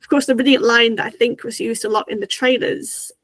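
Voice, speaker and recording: A woman hosts a casual review chat with a fairly high voice. She talks with eager enthusiasm, quotes lines and leans on "kind of like" fillers. The sound is close and dry. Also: steady tone, brisk, dry recording, poor audio. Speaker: host.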